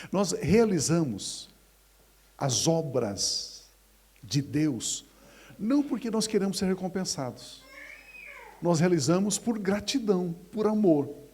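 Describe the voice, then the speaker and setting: A man preaching a sermon as a pastor, swinging from hushed to loud. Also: a little high, slightly rough. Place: church.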